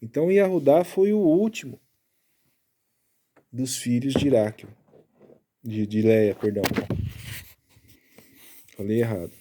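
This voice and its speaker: A man giving a casual Bible study, explaining step by step and tagging his sentences with quick checks to the listener. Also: medium pitch, warm tone, slight background noise. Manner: chatty, keeps tagging lines with "né?"; explaining Hebrew letters and pronunciation step by step.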